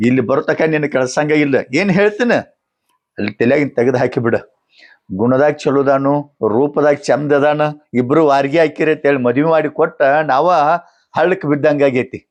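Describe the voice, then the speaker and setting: A man with a North Karnataka Kannada accent playing a stern elder brother and husband who rebukes his wife and gives gruff orders. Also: on the high side, a little fast, a little mellow, lo-fi sound, lightly acted. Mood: commanding.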